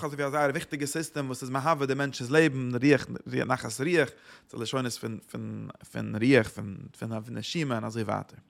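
A man's voice: medium pitch, creaky, a bit bright. A man teaching a religious lesson, searching for words, often repeating them and dropping in English phrases. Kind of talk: Torah lecture in Yiddish-inflected German.

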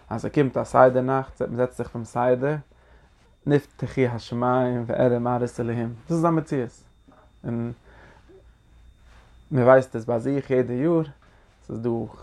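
A man's voice: mid-range voice, creaky, darkish tone. A man giving Passover guidance as a religious teacher. He talks earnestly and emphatically, repeats key phrases and uses many Hebrew religious terms.

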